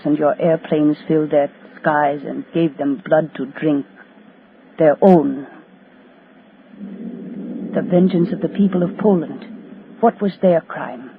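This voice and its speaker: A woman's voice: low voice, fairly even intonation, measured pace, long pauses, phone-quality sound. A woman playing a defiant condemned prisoner who cannot die, delivering a solemn, taunting, incantatory speech of vengeance in a 1940s radio drama. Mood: solemn, menacing. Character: defiant condemned woman, unkillable avenging accuser of Nazis. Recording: thin, scratchy 1940s radio broadcast.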